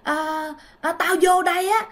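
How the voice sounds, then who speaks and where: A woman's voice: very high voice, a little slow, fairly bright tone, voice pushed up. A woman voicing a hungry ghost that has possessed a woman, whiny and pleading. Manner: whiny, pleading, then bargaining.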